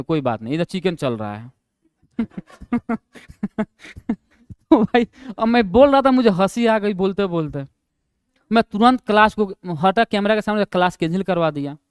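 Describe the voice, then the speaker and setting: A young male online teacher telling classroom stories in a casual, chatty way, laughing at his own tales and dropping low for quoted asides. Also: clear, resonant tone, dry recording, studio quality. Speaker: online exam-prep teacher.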